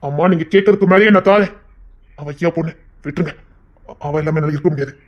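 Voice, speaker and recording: A man's voice: fairly high pitch, fast, natural voice. A man voicing a domineering young man from a gangster family who insists on marrying a girl. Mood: insistent. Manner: commanding, insistent. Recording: dull lo-fi audio.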